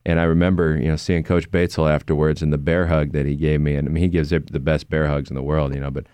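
Middle-aged sports announcer, man, deep and resonant, earnest and reflective as an interview guest. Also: level tone, quick pace, a little mellow, clear, resonant tone, no echo. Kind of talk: conversational interview.

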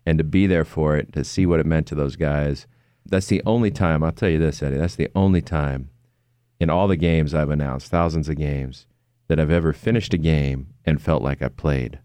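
A man's voice: a bass voice, moderate pace, warm tone, clear, resonant tone, no echo. A middle-aged man, a sports announcer telling stories in an earnest, reflective way during an interview. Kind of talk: conversational interview.

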